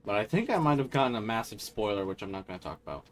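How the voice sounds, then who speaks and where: A man's voice: fairly low pitch, animated, rapid-fire. A young man giving joking let's-play commentary with playful asides. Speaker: gaming streamer.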